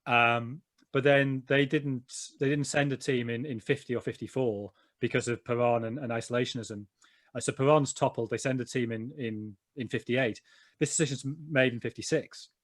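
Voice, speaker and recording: A man's voice: medium pitch, fairly even intonation, moderate pace, no room sound, studio quality. A man co-hosting a podcast, explaining points in a precise way. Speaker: podcast co-host, football writer. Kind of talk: podcast conversation.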